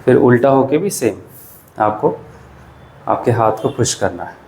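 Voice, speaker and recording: A physiotherapist who explains shoulder tests patiently and counts exercise reps aloud. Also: male voice, mid-range voice, expressive, unhurried, darkish tone, slight background noise. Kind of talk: health explainer lesson.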